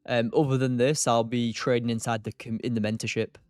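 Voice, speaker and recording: A man's voice: mid-range voice, level tone, a little fast, a little mellow, dry recording. Tired man thinking aloud on a stream. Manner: thinks aloud, trails off, answers chat. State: tired, short on sleep. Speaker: streamer, day trader. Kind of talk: casual live-stream commentary.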